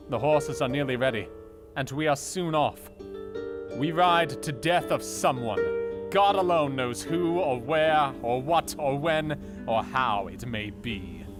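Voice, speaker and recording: An actor playing a grave, uneasy Victorian doctor, reading his diary in a measured, foreboding way. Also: medium pitch, lightly acted. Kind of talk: dramatic diary narration in an audio drama. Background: plucked guitar music.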